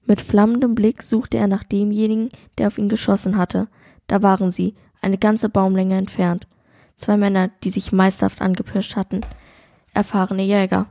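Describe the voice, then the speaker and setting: Teen girl reading a story out loud, steady, kinda mellow and croaky, dry sound. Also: medium pitch, no room sound. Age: teenager. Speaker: school podcast presenter. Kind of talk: reading a book excerpt aloud.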